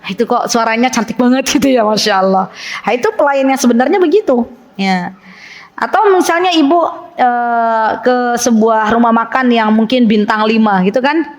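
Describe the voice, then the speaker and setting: A woman religious teacher, giving a lively, playful talk to a women's study group and acting out little scenes. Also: fairly high pitch, moderate pace.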